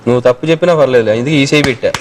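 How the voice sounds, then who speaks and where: A man's voice: mid-range voice, racing, a little hiss or hum. A man hosting a TV quiz show, teasing a young contestant playfully and reading out contest instructions announcer-style. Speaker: game show host.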